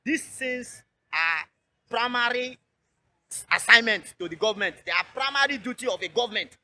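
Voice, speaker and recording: Impassioned Nigerian man, high bright voice. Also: expressive, normal speed. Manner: impassioned, emphatic, repeats key phrases. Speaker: interviewee. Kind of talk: roadside street interview. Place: outdoors by a road.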